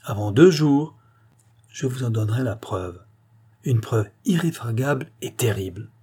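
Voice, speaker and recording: A man's voice: medium pitch, lively intonation, unhurried, dark tone, husky. A man reading as a cunning young detective. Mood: earnest. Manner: insistent, probing, confident.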